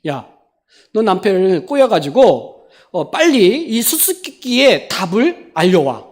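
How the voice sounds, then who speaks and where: A woman's voice: medium pitch, sing-song, slow pace, a little mellow, pitched below the performer's own voice. Menacing young men, blunt and harsh, as a woman preacher puts them on. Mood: threatening. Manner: blunt threatening tone.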